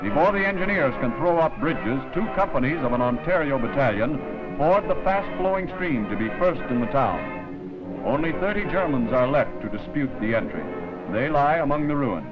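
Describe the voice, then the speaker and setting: A man's voice: a little high, expressive, normal speed. A man narrating a wartime newsreel in the rousing, declamatory announcer style of the 1940s. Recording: muffled 1940s newsreel soundtrack, loud music.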